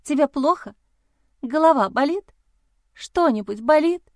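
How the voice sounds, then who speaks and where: A woman's voice: high voice, expressive, unhurried, darkish tone, dry recording, clean studio sound, voice pushed up. A woman voicing a worried young heroine who fires off anxious, urgent questions. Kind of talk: audiobook character voice.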